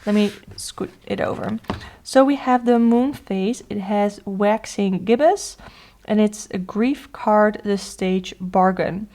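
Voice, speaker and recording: A chatty tarot reader hosting her own channel flips through a deck in a casual vlog, thinking aloud with frequent "um" and "uh." Her first language is Dutch, and her medium-pitched voice is slow and dark in tone.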